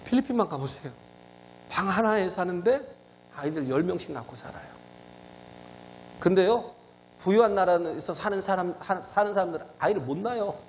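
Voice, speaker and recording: A man's voice: lively intonation, brisk, pauses often, a little hiss or hum, rough recording. A male pastor preaching to his congregation. He asks rhetorical questions and keeps prompting his listeners. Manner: swings between emphatic high lines and low, quiet drops. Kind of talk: sermon.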